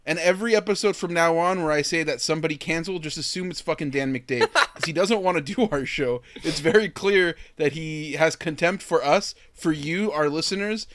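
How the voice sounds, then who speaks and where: A man's voice: fairly high pitch, a little fast, hardly any pauses, a bit bright, no echo, studio quality. A man hosting a podcast in casual chat, boastful and joking, swearing freely. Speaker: podcast host.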